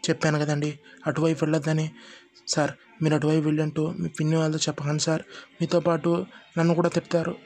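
A man's voice: on the high side, monotone, quick pace, a little mellow, close to an everyday voice. A man voicing a worried, deferential female housemaid who pleads respectfully in a horror story. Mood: anxious, pleading.

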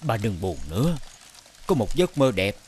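A man voicing a kind, cheerful village husband in a cartoon, gentle and reassuring. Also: mid-range voice, very animated, moderate pace, slight background noise, natural voice. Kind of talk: 3D cartoon dubbing.

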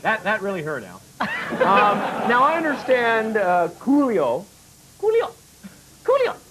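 A man's voice: high-pitched, wildly swooping pitch, measured pace. A jokey, playful man hosting a comedic late-night chat show, heard from a worn videotape copy. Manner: jokey and playful, breaks into laughs. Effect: worn VHS tape copy. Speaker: talk show host. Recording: hissy worn videotape dub.

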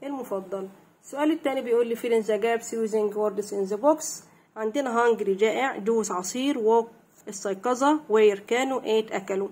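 A young woman with an Egyptian Arabic accent teaching an English lesson, reading each line slowly and then explaining it, and asking questions that she answers herself. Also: on the high side, a little mellow. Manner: reads English lines slowly and clearly, then translates.

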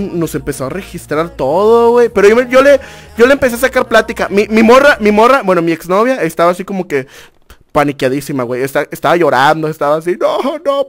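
A young man, a streamer telling a story to his chat in a casual, animated way, full of crude slang. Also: fairly high pitch.

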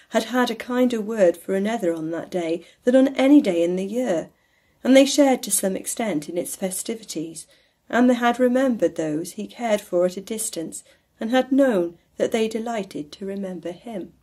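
A woman reads a classic novel aloud as narrator, with expressive, measured storytelling. Her mid-range voice has a husky edge. She shapes each phrase with care. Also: mid-range voice.

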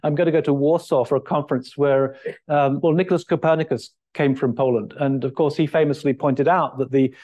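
A man's voice: medium pitch, steady tone, a little fast, darkish tone, dull audio. A middle-aged man giving a keynote lecture at a lectern in a large hall, thinking aloud with many fillers and restarts. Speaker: keynote speaker. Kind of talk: conference lecture.

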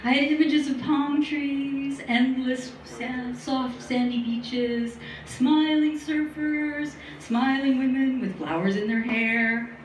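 Middle-aged female comic, higher-pitched, dry self-deprecating delivery; live room echo, faint hiss. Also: steady tone, slow, hardly any pauses. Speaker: stand-up comedian. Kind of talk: stand-up comedy set. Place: small studio at a comedy night. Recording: roomy, distant live recording with faint noise.

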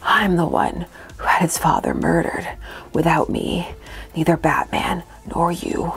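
A woman voicing a menacing undead male comic-book supervillain, slow and theatrical, in a breathy whisper. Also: on the low side, huge pitch swings, voice pushed down, exaggerated voice. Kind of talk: comic-book villain read-aloud.

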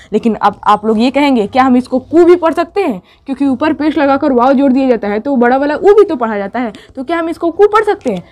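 A woman with a high voice gives a beginner writing lesson. She goes patiently and repeats each step. She keeps asking her students questions as she works through it. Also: darkish tone. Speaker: Urdu teacher.

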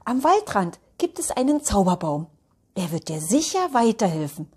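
A woman voicing a kind elf man who guards the forest, speaking gently in a storybook reading, with a breathy voice. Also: mid-range voice, very animated, normal speed. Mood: gentle.

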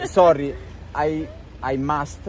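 A man in his thirties with an Italian accent, live streaming in a casual, flirtatious, excitable way and often repeating his phrases. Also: fairly high pitch, drawn-out words, a crowd in the background. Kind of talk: casual live street vlog, switching between languages. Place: outdoors on a city street by a road. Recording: noisy city street with traffic.

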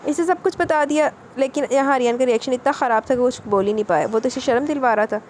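A woman narrating a romance novel audiobook in a brisk, dramatic reading. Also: high-pitched, darkish tone, slight background noise.

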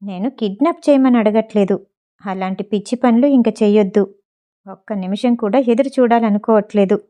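A woman's voice: medium pitch, fairly quick, warm tone, lightly acted. Fields: Figure: a woman doing a bitter, scheming young wife. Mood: bitter, commanding. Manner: bitter and commanding.

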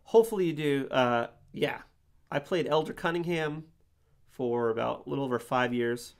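Nasal guy in his 30s cohosting a comedy podcast, rambly and jokey, mid pitch. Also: normal speed, gravelly. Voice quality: nasal speaking voice. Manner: rambling, self-deprecating, joking. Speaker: podcast co-host. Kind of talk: casual chat.

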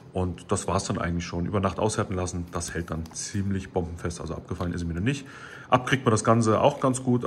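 A man's voice: on the low side, a little hiss or hum. A man giving a casual, rambling product walkthrough as a vlogger, feeling his way through sentences. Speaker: motovlogger presenting his helmet camera setup.

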